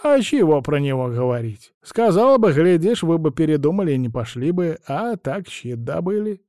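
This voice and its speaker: A man's voice: a little high, sing-song, normal speed, dark tone, no room sound, studio quality, pitched above the performer's own voice. A man voicing a grumbling, cunning old witch woman who talks evasively. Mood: cagey. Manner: cranky, evasive, sing-song.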